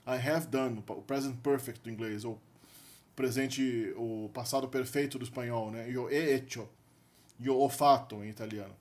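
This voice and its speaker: A man with a Brazilian Portuguese accent talks through a grammar lesson in an easy, unscripted way. He thinks aloud, restarts phrases and keeps checking in with little question tags. His pitch sits in the middle. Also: fairly even intonation, normal speed, a little mellow. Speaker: linguistics video presenter. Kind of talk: unscripted explanatory lecture.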